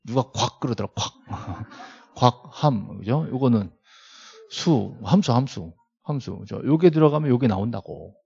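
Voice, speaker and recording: A man's voice: mid-range voice, animated, unhurried, creaky, warm tone, husky. A middle-aged man lecturing a class on law, asking rhetorical questions and repeating key terms, with joking asides to his students. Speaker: law lecturer at a real estate agent exam prep academy. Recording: dull lo-fi lecture recording.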